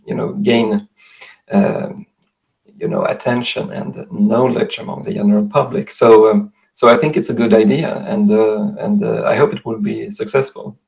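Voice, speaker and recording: Male interview guest, Swedish accent, lower register with vocal fry, explains things in a measured way. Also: steady tone, a little mellow. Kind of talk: interview answers.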